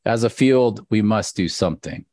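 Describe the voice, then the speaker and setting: A man, a professor co-hosting a webinar, giving an earnest, measured opening speech over a headset on a video call. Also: fairly low pitch, a little mellow, no echo, studio quality. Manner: earnest, measured, slight fillers. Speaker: professor, co-host.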